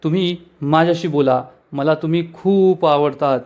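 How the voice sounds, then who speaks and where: A man reading out the lines of a tipsy young woman at a party, in his own narrating voice and a little high-pitched. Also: normal speed, a little mellow, natural voice. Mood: gushing.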